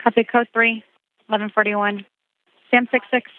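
A female police dispatcher reading back codes over a police radio in a flat, routine way. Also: on the high side, normal speed, phone-quality sound, slight background noise. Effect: police radio transmission.

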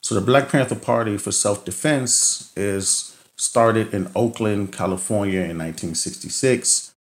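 A man's voice: fairly low pitch, a little slow. A man speaking as an academic interviewee, explaining history.

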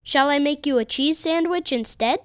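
A woman voicing a cheerful, oblivious little boy in a read-aloud story, chirpy and quick. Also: sits high, faint music behind, close to an everyday voice.

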